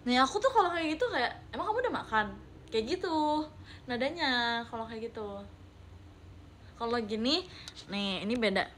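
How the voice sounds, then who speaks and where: A woman's voice: a little high, normal speed, long pauses, a bit bright, a little hiss or hum. A young woman streaming live, chatting playfully with viewers and reading their messages, with English words mixed into her talk. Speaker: livestreamer reading viewer chat. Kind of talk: casual live-stream chat.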